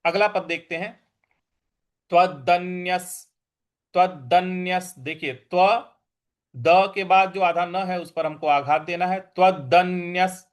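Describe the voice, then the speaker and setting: A man teaching Sanskrit verse recitation, saying each word slowly and repeating it before explaining how to pronounce it. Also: sits high. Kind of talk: slow syllable-by-syllable recitation lesson.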